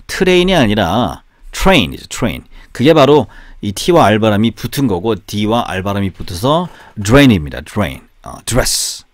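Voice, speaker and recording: A man who speaks Korean as his first language, teaching English pronunciation by repeating each word slowly and drilling it aloud. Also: on the low side, expressive, no echo.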